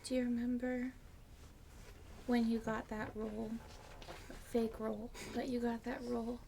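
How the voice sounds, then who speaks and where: A woman's voice: a little high, flat delivery, unhurried, creaky, a little hiss or hum. A woman whispering in character as a frightened young woman hiding from danger. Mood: fearful. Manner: hushed whisper. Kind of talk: in-character roleplay.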